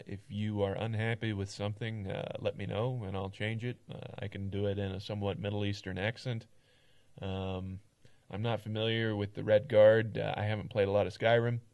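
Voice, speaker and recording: A man's voice: on the low side, darkish tone. A man recording casual notes for a voice audition, hesitant and full of uhs and ums. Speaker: amateur voice actor auditioning.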